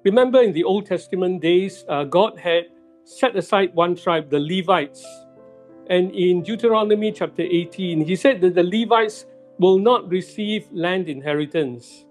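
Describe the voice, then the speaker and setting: A middle-aged male pastor giving a sermon in a church, speaking slowly and deliberately and repeating key phrases for emphasis. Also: high voice, soft background music. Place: church sanctuary.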